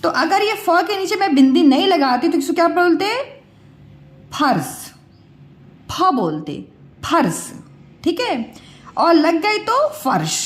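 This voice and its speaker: A woman teaching Hindi spelling, patiently explaining and repeating words as she questions her pupils. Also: extremely high pitch. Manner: slow, repeats words and asks the class questions. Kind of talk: patient classroom explanation to children. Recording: echoey room.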